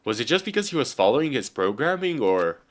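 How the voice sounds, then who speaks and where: A man's voice: mid-range voice, very animated, fast. Casual man reading a game aloud. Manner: casual, swears, laughs at the script. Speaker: let's play host. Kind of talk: reading a visual novel aloud.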